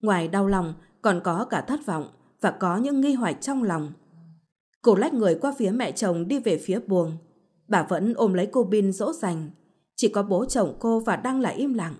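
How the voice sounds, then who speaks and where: A woman's voice: mid-range voice, expressive, moderate pace, a little mellow, husky. Woman reading a bedtime story. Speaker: story narrator.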